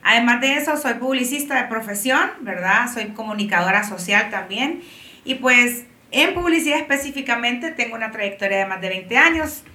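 A woman in her late thirties talks through her own story as an interview guest, unhurried and full of fillers. Her voice is fairly high and bright. It sounds far from the mic in an echoey room. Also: lively intonation. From Honduras. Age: 30s. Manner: warm storytelling, frequent fillers. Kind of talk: casual interview conversation.

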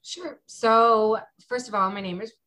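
A woman in her thirties from Toronto, chatting casually as a podcast guest with lots of ums and quick asides. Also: on the high side, pushed and bright. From Canada (Toronto). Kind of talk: casual conversation.

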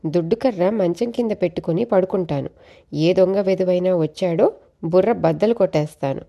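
A man's voice: sits high, moderate pace, creaky, dark tone, dull audio. A woman reading as a cowardly stingy merchant. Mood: pleading. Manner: nervous, pleading.

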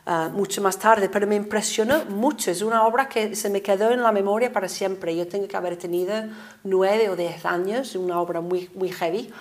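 A woman in her sixties from Liverpool with an English accent, a singing teacher chatting in an interview, animated and laughing often. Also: medium pitch, moderate pace. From England, Liverpool. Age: 60s. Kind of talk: casual interview conversation.

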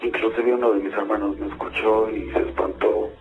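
A man's voice: on the low side, little pitch movement, brisk, soft background music. Distressed young man calling in by phone. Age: young adult. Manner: hesitant, distressed short answers. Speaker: caller. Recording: phone line on archive radio.

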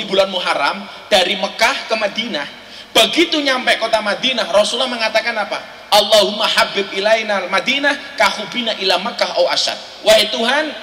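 A man's voice: very high-pitched, sharp tone. A man with a Javanese accent giving a joking sermon full of rhetorical questions and teasing asides, recorded in a large hall. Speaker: Islamic preacher. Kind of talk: humorous sermon. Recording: echoey hall, faint ambience.

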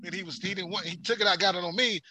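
Bright, high-voiced man telling stories. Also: rapid-fire. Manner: profane, acts out quoted voices in stories. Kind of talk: casual storytelling chat.

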